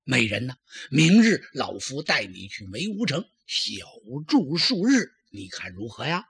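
A blustering old chancellor who drawls slowly and coaxes with gruff, husky tones. He is lecherous and used to power, as a man telling a traditional story puts him on. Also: mid-range voice, big pitch swings, fairly bright tone, pitched below the performer's own voice, exaggerated voice. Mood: placating.

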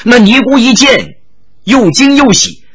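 Animated husky male storyteller. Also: very high-pitched, unhurried. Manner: animated, dramatic narration. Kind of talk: martial-arts novel storytelling.

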